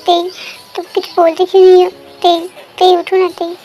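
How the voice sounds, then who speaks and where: Frantic pleading young man, read by a woman, very high voice, storybook reading. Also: completely flat delivery, normal speed, warm tone, muffled recording, faint music behind. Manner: pleading, repeats the name over and over. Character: frantic young man nursing his feverish partner.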